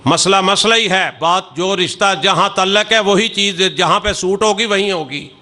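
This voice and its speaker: A man preaching an impassioned storytelling sermon with a Punjabi accent, moving between hushed narration and loud, drawn-out lines. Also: high voice, fairly even intonation.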